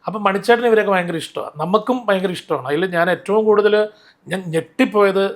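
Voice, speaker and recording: A man telling stories in an interview, animated and rambling, often restarting his sentences. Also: high voice, fast. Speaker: interview guest, mimicry artist. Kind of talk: casual interview storytelling.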